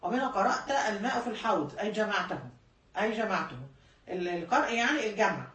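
A woman's voice: mid-range voice, lively intonation, fast talker, a bit bright, echoey room, distant mic. A woman with an Egyptian Arabic accent, teaching a classroom lesson and explaining patiently, repeating key points and correcting herself mid-word. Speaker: religious studies teacher. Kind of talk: classroom lecture.

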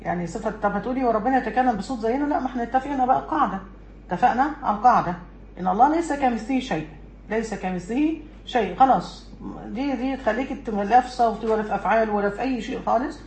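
A woman's voice: a little high, rapid-fire, a little mellow. A woman with an Egyptian accent giving a religious lesson from a book, emphatic and putting rhetorical questions to her listeners. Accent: Egyptian Arabic. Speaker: religious teacher. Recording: echoey room with faint background noise.

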